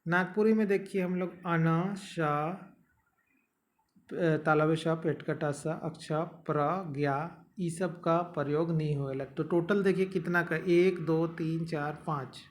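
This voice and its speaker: A man's voice: on the high side, steady tone, unhurried. A young man teaching an exam-prep grammar lesson, explaining step by step and checking back his students.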